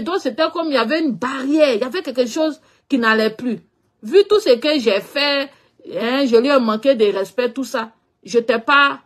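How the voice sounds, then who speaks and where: Her voice sits high with a fairly bright tone as this social media personality, who has a West African French accent, tells a personal story without holding back. The casual monologue wanders and repeats, often trailing off with filler phrases.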